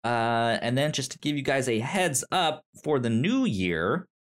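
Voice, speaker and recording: Unhurried and sing-song, a mid-range male voice hosts a casual podcast chat. His speech is marked by frequent stutters and repeated sounds and syllables.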